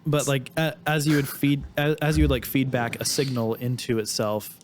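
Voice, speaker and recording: A man's voice: medium pitch, level tone, moderate pace. A man co-hosting a podcast, explaining studio history with many restarts and fillers. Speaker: podcast co-host. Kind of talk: casual chat.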